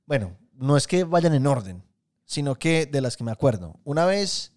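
A man with a Colombian Paisa accent, a podcast co-host telling childhood stories in casual chat, animated and full of slang and swearing. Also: mid-range voice, normal speed. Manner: animated, slangy storyteller who swears freely.

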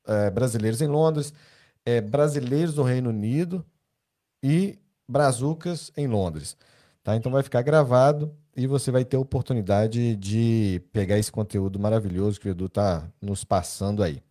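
Brazilian male podcast host, dark mellow voice, chatty announcements to listeners, Brazilian accent. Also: medium pitch, moderate pace. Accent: Brazilian Portuguese. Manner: announcing, instructing listeners, repeated tá. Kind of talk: live podcast hosting.

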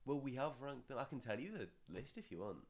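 A man's voice: medium pitch, lively intonation, fast, a little mellow. A young man hosting a podcast in casual chat, rambling, correcting himself and swearing offhandedly. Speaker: podcast host.

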